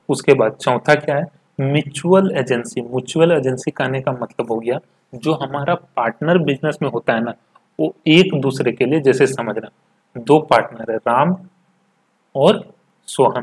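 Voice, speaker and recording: Husky-voiced man teaching a commerce class. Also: medium pitch. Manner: explains step by step with frequent "ठीक है" check-ins; reads English textbook lines slowly, then explains them in Hindi. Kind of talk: recorded classroom lecture.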